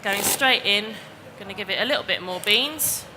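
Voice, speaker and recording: A woman's voice: mid-range voice, expressive, moderate pace. A woman, presenting a live DIY demonstration and explaining each step in a chatty way. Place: exhibition hall stage. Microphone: headset or lapel mic. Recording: reverberant hall, faint background noise.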